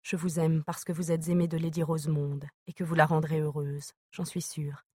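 Woman reading as a teary earnest young girl, quiet and choked up, low voice, dry close sound. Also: level tone, normal speed, breathy edge, no echo. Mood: tearful.

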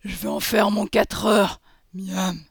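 Brief: woman voicing a menacing storybook ogre, loud and gloating, dry close sound. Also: medium pitch, steady tone, slow pace, gravelly, slightly rough, no room sound, full character voice. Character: brutish female ogre, hungry and menacing.

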